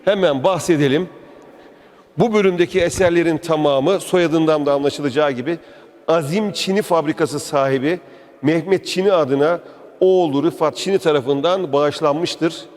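A man's voice: a little high, normal speed, darkish tone. A man giving a chatty, enthusiastic walking tour, his voice echoing in an indoor museum hall. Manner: chatty, enthusiastic, addresses the viewer directly. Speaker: travel vlog host touring a museum. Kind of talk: casual walking tour commentary.

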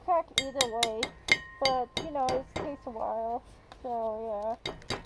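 A woman's voice: on the high side, slow pace, noisy background. A woman chatting casually in a food taste-test video, talking loosely with trailing fillers, her voice muffled through a face mask. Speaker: guest co-presenter.

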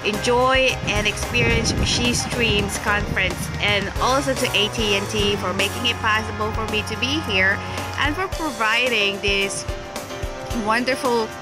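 A woman blogger talking casually to her phone camera from a high hotel balcony, chatty and grateful, with fillers. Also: unhurried, loud music behind the voice. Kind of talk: casual travel vlog. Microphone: phone held filming the view.

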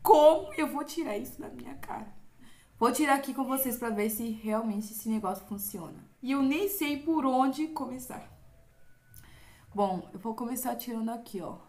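A woman's voice: a little high, moderate pace, a little mellow. A young Brazilian woman with a Brazilian Portuguese accent, vlogging casually to her viewers and dramatically exclaiming and groaning. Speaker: beauty vlogger. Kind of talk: casual vlog talk to viewers.

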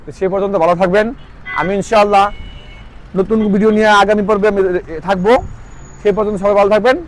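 A man, giving a casual spoken language lesson, repeating phrases slowly and checking that listeners follow. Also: high voice, level tone. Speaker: language teacher.

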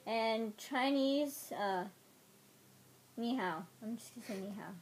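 A woman's voice: fairly high pitch, normal speed, darkish tone. A young woman, chatting casually as a video co-host. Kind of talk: casual chat. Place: small bedroom, indoors.

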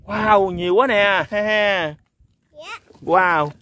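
Excitable high-voiced man. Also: drawn-out words, a little hiss or hum. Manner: exclaims "wow" often, chuckles, addresses viewers. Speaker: toy vlogger. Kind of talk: excited toy-hunting vlog. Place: outdoors on a sandy lot.

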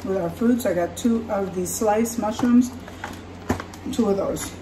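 A little slow and medium in pitch, a woman vlogger talks casually while unpacking her groceries in her home kitchen and showing each one. The manner is chatty and relaxed, with self-corrections. Recorded by a camera far off across the counter, the kitchen sounds echoey, with noise behind her.

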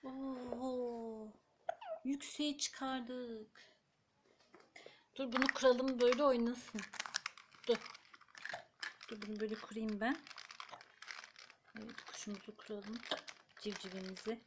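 A young woman filming her baby at home, talking slowly in a doting, cooing tone. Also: a little high, steady tone, very noisy. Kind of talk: casual home video narration.

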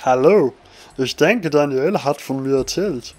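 A man voicing a smooth, guarded male informant in a pirate game, reading the lines aloud with animated delivery. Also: mid-range voice, a little slow, faint music behind, lightly acted.

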